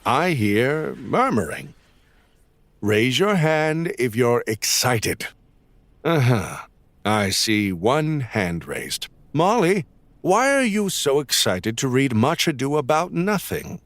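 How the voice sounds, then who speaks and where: An eccentric, theatrical English teacher, lecturing slowly with very lively pitch. The recording is dry and close. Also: male voice, no room sound. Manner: slow, dramatic classroom delivery.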